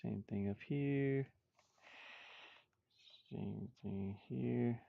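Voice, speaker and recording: A game developer streams while drawing game art, chatting casually, rambling and half muttering to himself. His medium-pitched voice moves very slowly with vocal fry. The recording is dry, narrow and tinny.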